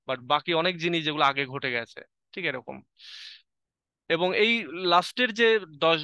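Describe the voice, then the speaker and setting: A young man teaching literature in a loose, chatty lecture, stopping often on fillers. His voice sits a little high and sounds bright and crisp. The recording is dry and close. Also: no echo. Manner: chatty, with many fillers, reads slowly from a text then explains. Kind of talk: casual explanatory lecture.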